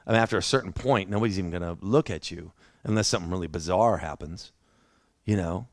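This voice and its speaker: A man's voice: low-pitched, fast talker, no echo, clean studio sound. A man preaching a sermon in a church, telling his own story in a conversational, self-deprecating way. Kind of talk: sermon with personal testimony.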